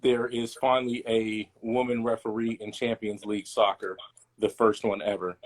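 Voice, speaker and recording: A man's voice: on the low side, flat delivery, moderate pace. A man co-hosting a podcast livestream, talking in a laid-back, rambling way with lots of ums. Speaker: podcast co-host. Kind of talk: casual livestream chat.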